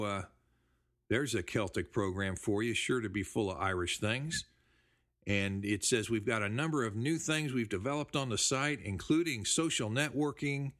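A man hosting a genealogy show, chatting casually as he reads through listener emails, with relaxed, rambling speech. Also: medium pitch. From United States. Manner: relaxed, rambling, with fillers and restarts. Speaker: podcast host. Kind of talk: casual talk reading listener mail.

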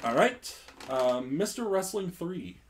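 Brief: young male podcast host, lively up-and-down delivery, laughs a lot, faint background noise. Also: a little high, slow pace. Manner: laughs often, filler-heavy. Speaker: podcast host running a quiz game. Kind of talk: casual chat.

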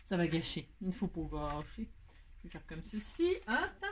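A woman's voice: fairly low pitch, sing-song, normal speed, a little hiss or hum. A French woman hosting a crafting tutorial, talking to herself as she works, with exasperated sighs and small laughs. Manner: muttering, self-talking, exasperated asides and little laughs. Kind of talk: chatty hands-on crafting tutorial.

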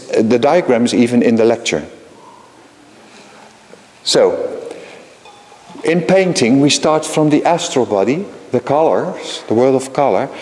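A man giving a live keynote lecture, talking in a halting way with frequent restarts and repeated words, and checking in with his listeners. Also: medium pitch, darkish tone. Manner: explains patiently, checks in with the audience. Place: conference hall. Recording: long hall reverb.

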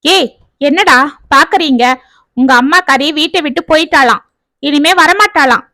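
A furious, bitter husband and father rants and scolds his family in a raised voice, as a woman puts him on in a storybook reading. The voice sits high, and the sound is dry and close. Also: a little fast, bright, forceful tone, no room sound. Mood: angry. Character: angry, bitter middle-aged husband and father.

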